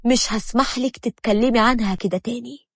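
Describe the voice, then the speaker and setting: A woman's voice: fairly high pitch, fairly quick, no room sound, studio quality. A woman voicing a stern, fed-up husband with an Egyptian accent, speaking in a warning tone. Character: stern married man, protective and fed up.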